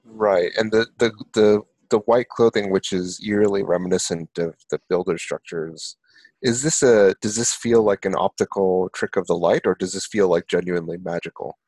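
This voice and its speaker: A man's voice: low-pitched, steady tone, normal speed, a little mellow, dry recording. A man playing in a tabletop game, asking questions casually with stammered restarts. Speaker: player.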